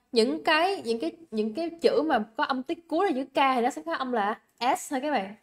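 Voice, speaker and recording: A young woman teacher with a Vietnamese accent, leading a livestream English exam review in a chatty, coaxing way, repeating words and checking that students keep up. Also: fairly high pitch.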